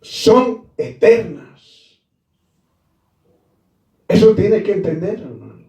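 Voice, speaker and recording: A man preaching a sermon at a very slow pace, his fairly high voice rising and falling. His tone is dark and mellow, and he leans on repeated phrases. He sounds a little far from the mic in a roomy, echoing space. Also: lively intonation. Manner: addresses listeners as brother.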